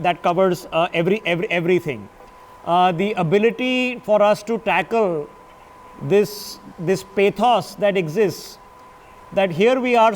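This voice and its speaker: High-pitched Indian man moderating a panel. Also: a little hiss or hum. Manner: hurried, repeats words, interjecting. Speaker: TV news panel host.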